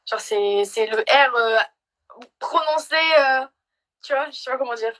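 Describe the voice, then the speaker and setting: A woman's voice: fairly high pitch, a little slow, fairly bright tone. A young woman guest on a video call, chatting in a giggly, enthusiastic way. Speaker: guest actress. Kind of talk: casual live-stream chat.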